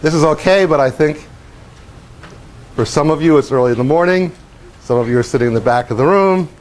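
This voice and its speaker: A middle-aged man giving a university lecture in a lecture hall, animated as he acts out motion and tosses wry questions to the class. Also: fairly high pitch, fairly quick, a little hiss or hum. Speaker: professor.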